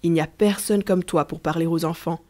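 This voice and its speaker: A woman voicing an earnest, blunt male farm laborer, gruff and emphatic in a storybook reading. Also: lowish voice, fairly even intonation, a little fast, darkish tone, lightly acted. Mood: admiring.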